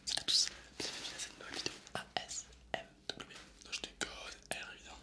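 A young man whispering softly in an informal, chatty ASMR style, speaking directly to viewers into a close binaural microphone. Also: quick pace. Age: young adult. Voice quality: soft unvoiced library-style whisper. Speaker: ASMR video host. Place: small indoor setup. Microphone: close binaural ear-shaped microphone.

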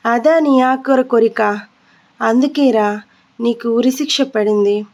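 A woman voicing a harsh, quick-tempered male prison jailer who questions sharply and with scorn. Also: a little high, muffled recording, natural voice. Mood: enraged.

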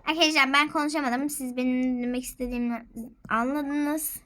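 A woman's voice: high voice, steady tone, brisk, sharp tone. A young woman with a Turkish accent, playfully narrating her game to viewers in a dramatic, chatty way. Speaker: gaming vlogger. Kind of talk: casual game commentary.

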